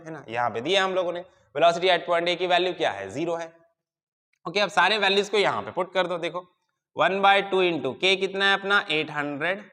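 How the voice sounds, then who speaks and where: A long reverb tail trails a man's fairly high, slightly bright voice. He is an engineering teacher at the whiteboard, lecturing on engineering mechanics, walking through every step and checking in with the students.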